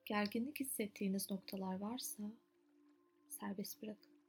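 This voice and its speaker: A woman leads a guided meditation in a soft, soothing voice at a middling pitch. She speaks in short, unhurried phrases with long pauses, like scripted relaxation narration. Faint music plays behind her.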